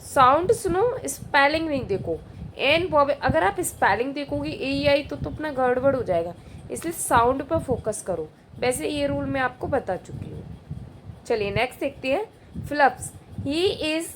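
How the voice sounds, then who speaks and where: A woman's voice: sits high, a little hiss or hum. A woman teacher going through an exam prep lesson, asking questions aloud and answering them herself, repeating the key answers.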